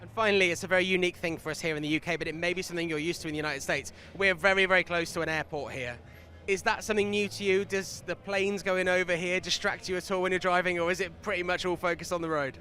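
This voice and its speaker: A man's voice: sits high, fairly even intonation, fast talker, bright, forceful tone. A man presenting a motor race broadcast, chatting upbeat with drivers and his co-commentator. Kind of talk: trackside broadcast interviews.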